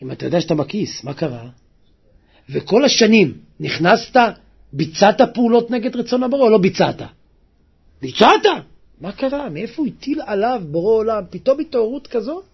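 A man preaching a sermon, telling a story dramatically and acting out the quoted lines with rising pitch and cries. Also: expressive, slightly rough, dull audio.

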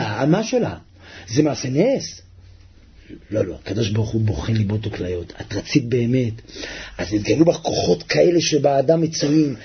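A man preaching a sermon, swinging from hushed murmurs to wailing shouts and chanting scripture. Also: a little high, creaky, slightly rough, dull audio.

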